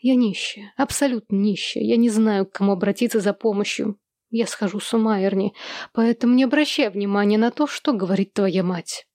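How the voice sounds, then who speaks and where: A woman's voice: medium pitch, brisk, darkish tone, no echo, studio quality, lightly acted. A woman voicing a bitter, hysterical middle-aged mother who hurls accusations and threats, read as an audiobook. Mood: bitter despair.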